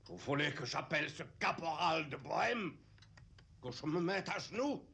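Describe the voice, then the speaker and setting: A proud German field marshal in a war film dub. His voice is forceful and gravelly, bitter and indignant, a little high, with faint noise behind it. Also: expressive, moderate pace, full character voice. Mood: proud outrage. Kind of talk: French film dub, war drama acting.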